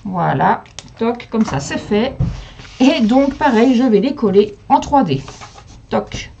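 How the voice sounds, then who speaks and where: A woman's voice: on the high side, lively intonation, takes it slowly, creaky, mellow, highs cut off, slight background noise. A woman casually hosting a live crafting demonstration from home, chatting with viewers as she works. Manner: chatty, answers viewer comments and talks to her dog. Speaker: host of a live crafting stream.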